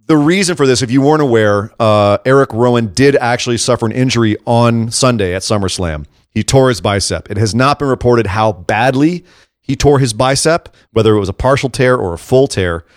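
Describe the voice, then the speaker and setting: A man co-hosting a podcast, talking in a casual, animated way about wrestling and laughing easily. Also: medium pitch, brisk, dry recording, studio quality. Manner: animated, excitable, breaks into laughs. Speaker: podcast co-host.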